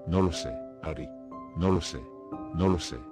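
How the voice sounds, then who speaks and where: Sobbing scared little girl begging as a low-voiced man reads her, music playing behind. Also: unhurried. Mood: sobbing, pleading. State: crying. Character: terrified crying young girl, pleading.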